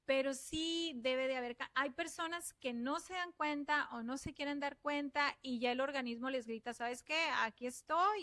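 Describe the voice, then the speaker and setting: Mexican woman nutritionist, higher voice. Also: a bit bright, dry recording. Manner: patient, explains step by step, agrees readily. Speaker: nutritionist guest. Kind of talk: explanatory interview talk.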